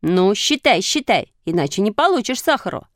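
An excitable, bossy schoolboy, as a woman puts him on in a storybook reading, his raised boyish voice jumping about lively. The sound is dry and close. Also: medium pitch, normal speed, no room sound, natural voice. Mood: eager.

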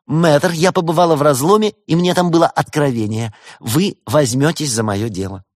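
A man's voice: normal speed, no room sound, studio quality, natural voice. A man voicing a fussy, self-important female cat sorceress in an audiobook. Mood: shrill. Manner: shrill, demanding, self-important. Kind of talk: audiobook character voice.

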